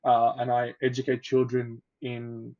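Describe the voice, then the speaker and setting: A man in his twenties, an oral health therapist from Egypt, talking casually as a podcast guest with a relaxed, chatty manner and easy laughter. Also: medium pitch, unhurried. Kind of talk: casual interview. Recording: dull lo-fi audio.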